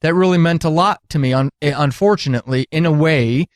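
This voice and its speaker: Speaking briskly in a fairly high voice, this middle-aged man, a retired military counselor, tells earnest, candid stories at length as an interview guest and phrases things emphatically. The studio-quality sound has no room tone.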